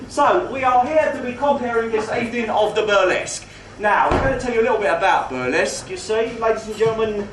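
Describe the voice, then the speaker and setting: A man playing a mock-genteel, faintly menacing gangster compère, delivering comic stage patter with grand words and drawn-out emphasis. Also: sits high, expressive, fairly bright tone. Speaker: burlesque show compère in comedy double act. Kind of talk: live comedy patter addressed to audience. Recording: roomy live venue, distant mic, faint noise.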